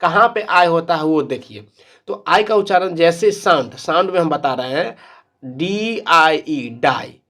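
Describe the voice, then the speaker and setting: A man teaching English spelling rules in an online lesson, who spells letters out slowly and keeps asking questions before he answers them himself. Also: on the high side, animated, a bit bright. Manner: calls viewers "my dear friends".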